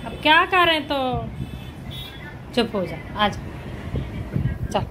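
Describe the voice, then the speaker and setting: A woman's voice: high-pitched, big pitch swings, slow pace, background noise. A woman in her thirties filming a family vlog, coaxing and soothing her crying children in casual talk. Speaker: vlogger and mother.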